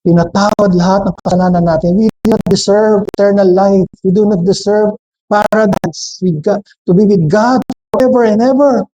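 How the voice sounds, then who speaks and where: A man with a Filipino accent preaches a sermon, moving between Tagalog and English as he questions the congregation and jokes with them. His high voice has a dark tone and a moderate pace, and the audio quality is poor.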